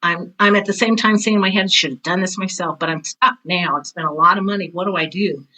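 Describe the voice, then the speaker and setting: On a low-quality recording, a theater teacher and author who is a middle-aged or older woman shares personal anecdotes during an interview. She talks fast in a lowish, bright voice with a forceful tone. Candid and emphatic, she repeats phrases to drive points home.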